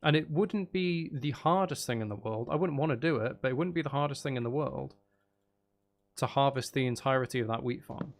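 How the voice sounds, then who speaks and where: This male gaming streamer has a medium-pitched voice and speaks fairly quickly. Backed by music, he casually commentates his gameplay live, thinking aloud and muttering with mild exasperation.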